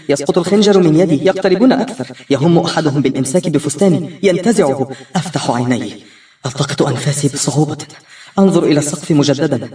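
A man reading an audiobook as a first-person narrator, expressive and tense. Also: on the high side. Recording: roomy, distant-miked recording.

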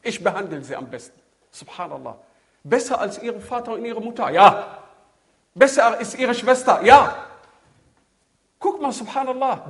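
Animated man preaching to a seated audience. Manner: animated, swings from loud exclamations to low murmured Arabic phrases. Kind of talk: sermon. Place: lecture hall with seated audience.

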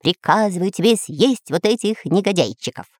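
A woman voicing a sneaky male parrot villain in a children's storybook reading, with squawking, gloating shouts. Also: mid-range voice, expressive, normal speed, dry recording, studio quality, lightly acted.

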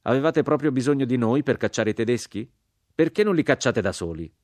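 A man voicing a blunt American army colonel, indignant, higher voice, audiobook dialogue. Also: expressive, brisk, darkish tone, no room sound, natural voice. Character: mocking middle-aged American colonel, blunt.

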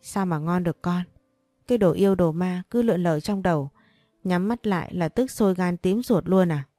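A woman voicing a sharp-tongued older mother-in-law who hurls insults in a storybook reading. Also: on the low side, normal speed, no echo, studio quality, faint music behind, close to an everyday voice. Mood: scornful. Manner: harsh, insulting.

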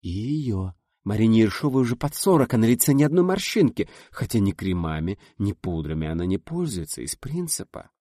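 A man's voice: very animated, a little fast, hardly any pauses, warm tone, dry recording, studio quality. A man voicing a confident woman scientist who teases and confides in her friend in an audiobook. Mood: confiding. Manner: teasing, knowing, lowered confiding tone.

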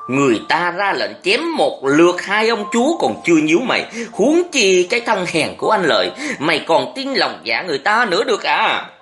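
A woman's voice: on the low side, sing-song, fairly quick, hardly any pauses, fairly bright tone, faint music behind, voice pushed up. A narrator voicing a bitter, suspicious young mother who scolds her brother in an audiobook. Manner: scolding, reproachful. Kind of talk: audiobook character reading.

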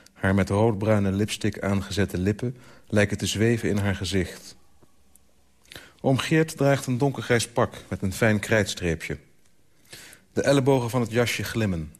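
An author reading his own literary story aloud for radio, in a calm, measured way. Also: fairly low pitch.

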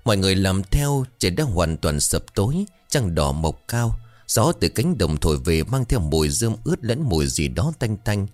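Low-voiced man telling a ghost story. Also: very animated, moderate pace, darkish tone, no echo, soft background music. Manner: dramatic, suspenseful storytelling. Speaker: narrator. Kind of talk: scripted ghost story narration.

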